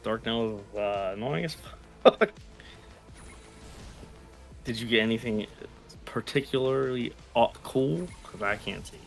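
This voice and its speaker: Gravelly low-voiced guy grumbling bluntly in casual game chat, faint music behind. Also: slow, long pauses. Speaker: fellow gamer.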